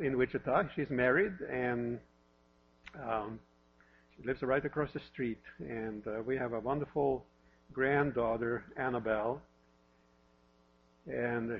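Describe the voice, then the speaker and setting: Husky Norwegian-born pastor preaching over a hum. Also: male voice, medium pitch, moderate pace. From Norway. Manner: warm self-deprecating humor, conversational with repeated questions. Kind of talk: sermon. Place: church sanctuary. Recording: lo-fi with mains hum.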